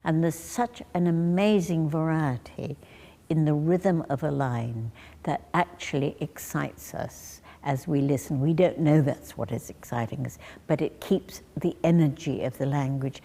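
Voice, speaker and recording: A woman explaining ideas in a measured, thoughtful way. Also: low voice, dark tone, long reverb tail. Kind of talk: explanatory interview talk.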